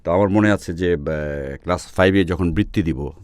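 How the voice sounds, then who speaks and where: A man from Netrokona, Bangladesh, speaks with a Bangladeshi accent in a low, slightly mellow voice at a normal pace, recorded dry. As an interview guest, he tells personal stories and often slips into English phrases.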